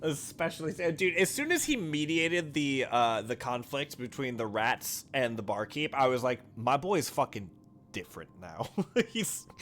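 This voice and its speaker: Male streamer, casual slangy commentary, joking, swearing, lively swings in pitch, game music behind. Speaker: streamer playing and reacting to a game.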